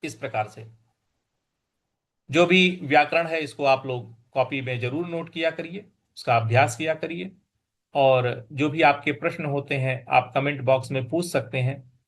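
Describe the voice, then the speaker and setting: A man teaching Sanskrit verse recitation, sounding out each word slowly and chanting lines in a sing-song. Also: mid-range voice. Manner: slow, deliberate, repeats each word and sounds it out. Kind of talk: recitation and pronunciation lesson.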